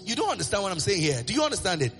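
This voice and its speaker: A man preaching a sermon, animated and sing-song, asking the congregation call-and-response questions. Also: sits high, very fast, soft background music.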